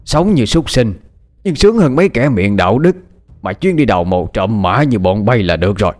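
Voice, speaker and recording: A man's voice: fairly low pitch, very animated, brisk, a little mellow. A man voicing a gloating, cruel middle-aged villain of a martial sect who mocks his captives in an audiobook story. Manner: mocking, laughing, self-satisfied.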